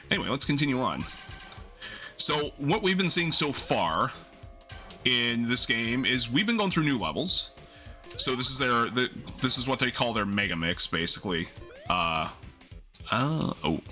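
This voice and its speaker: A man's voice: mid-range voice, bright, forceful tone. A man hosting a livestream in casual gaming chat, rambling and often interrupting himself as he gets sidetracked. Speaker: livestream host.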